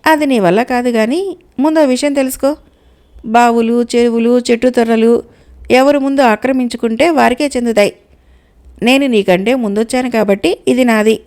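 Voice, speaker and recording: Woman voicing cheeky rabbit squatter, storybook, taunting, fast. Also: on the high side, a little mellow, natural voice. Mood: defiant. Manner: defiant, taunting. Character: stubborn cocky rabbit squatting in a tree hollow.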